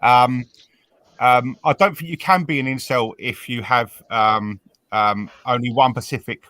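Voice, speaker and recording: A man from England in a casual group chat, pausing and repeating words as he thinks aloud over a remote call. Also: mid-range voice, a bit bright, no echo.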